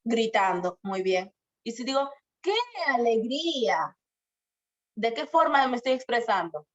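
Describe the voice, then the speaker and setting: Young woman teacher, fairly high voice, questioning manner, dull lo-fi audio. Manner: questioning, drawn-out examples. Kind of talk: online grammar lesson. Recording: muffled lo-fi sound.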